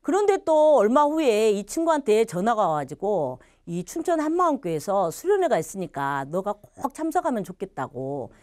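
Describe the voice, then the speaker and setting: Animated middle-aged woman telling her testimony. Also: mid-range voice, normal speed, hardly any pauses, dry recording, clean studio sound. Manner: animated storytelling, laughs often, acts out quoted speech. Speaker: former missionary giving testimony. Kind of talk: personal faith testimony.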